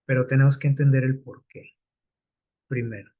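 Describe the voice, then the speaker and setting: A man's voice: medium pitch, little pitch movement, normal speed, dark tone. A man preaching a sermon in a conversational way, often checking in with his listeners through rhetorical questions.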